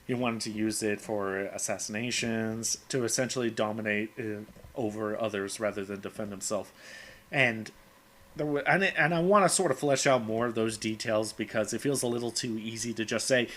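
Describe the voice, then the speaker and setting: A man's voice: fairly low pitch, a bit bright. A man talking casually about a character he plans to play in a tabletop game. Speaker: player.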